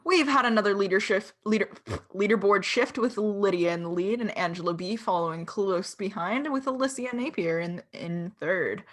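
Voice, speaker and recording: A woman's voice: medium pitch, normal speed, few pauses. Young woman running trivia over video call, giggly, says like a lot. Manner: giggly, chatty, with filler words. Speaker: webinar host. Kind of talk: casual chat running online trivia.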